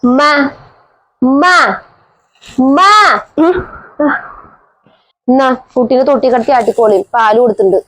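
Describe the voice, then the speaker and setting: A woman's voice: fairly high pitch, unhurried, long pauses, a little mellow, no echo. A woman playing a tired young mother and daughter-in-law in a comedy family skit. She talks in a coaxing, reasoning way.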